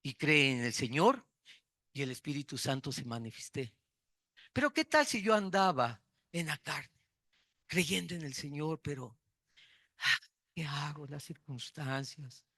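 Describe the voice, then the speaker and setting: A man's voice: on the high side, lively intonation, a little slow, pauses often, pushed and bright, no room sound, studio quality. A man preaching a sermon, repeating key words for emphasis and telling personal stories.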